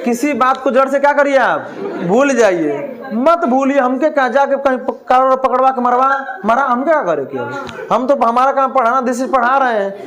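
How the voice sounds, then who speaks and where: A man's voice: very high voice, expressive, moderate pace, a bit bright. A man teaches a class for a teaching exam. He keeps asking the room questions and answering them himself. He cracks jokes along the way. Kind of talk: classroom lecture.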